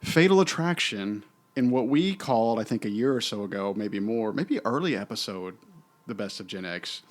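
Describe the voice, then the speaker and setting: A man's voice: on the low side, animated, moderate pace, darkish tone. Hammy middle-aged man podcast co-host. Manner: theatrical, hammy, mock-grand. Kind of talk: casual chat.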